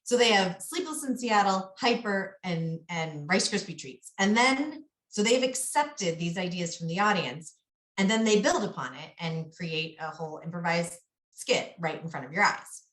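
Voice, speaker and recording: A woman business coach giving a live presentation to a networking group, energetic and emphatic, acting out the voices she quotes. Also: on the low side, normal speed, reverberant. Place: meeting room.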